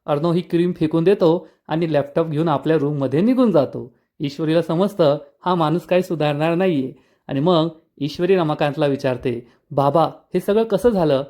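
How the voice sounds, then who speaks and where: Mellow-voiced man recapping a TV serial. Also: a little high, normal speed. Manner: lively storyteller voicing the characters. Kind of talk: episode recap storytelling.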